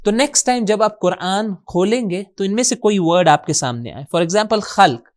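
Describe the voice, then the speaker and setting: A man's voice: sits high, lively intonation. Man teaching word meanings, self-questioning. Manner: asks questions and answers them himself; mixes in English words. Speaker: Quran vocabulary teacher. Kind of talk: explanatory lesson.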